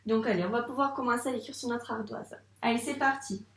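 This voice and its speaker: A woman teaching a first-grade handwriting lesson, speaking slowly and patiently and encouraging the child directly. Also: a little high, a bit bright, echoey room, distant mic.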